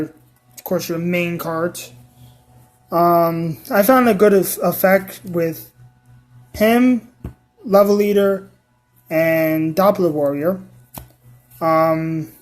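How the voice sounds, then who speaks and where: A tired man casually talking through a card game deck, hesitant and stumbling, often restarting his sentences. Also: sits high. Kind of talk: casual deck profile talk.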